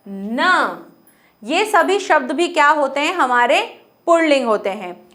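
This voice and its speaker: A woman's voice: very high voice, sharp tone. A woman teaching a grammar lesson, asking her students questions and answering them herself while repeating example phrases. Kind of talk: classroom-style grammar lesson.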